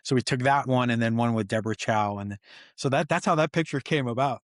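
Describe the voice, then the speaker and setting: A man, a stuntman guest, telling set stories in an excited, animated way and acting out quoted dialogue. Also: medium pitch, brisk, no room sound, clean studio sound. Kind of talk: animated storytelling interview.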